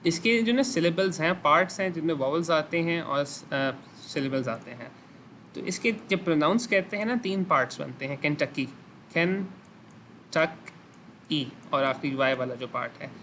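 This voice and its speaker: A man's voice: a little high, lively intonation, fairly quick, fairly bright tone, a little hiss or hum. A man teaching a clinical lesson over a video call, explaining step by step, questioning his students and mixing in English phrases. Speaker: medical teacher.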